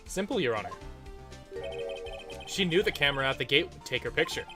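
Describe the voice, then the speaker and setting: A confident young male defense lawyer played by a man argues his case in a comic video game dub. His voice sits slightly high and moves around a lot, cheeky and emphatic, over a music backing. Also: animated, fairly quick, natural voice. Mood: explanatory. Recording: music behind the voice.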